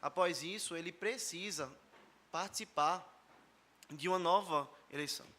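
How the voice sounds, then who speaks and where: Brazilian male pastor, hoarse, earnest sermon delivery, bright edge to the voice. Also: on the high side, moderate pace. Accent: Brazilian Portuguese. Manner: earnest, addresses the congregation directly as brothers. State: hoarse after a flu. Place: church service.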